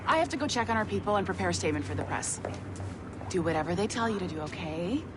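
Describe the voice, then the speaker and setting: An actress plays a perky, overachieving female boss in a video game. She addresses staff in chirpy fire-drill instruction style, with very animated pitch. Ambient noise is clearly heard behind her. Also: fast, natural voice. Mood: perky, reassuring.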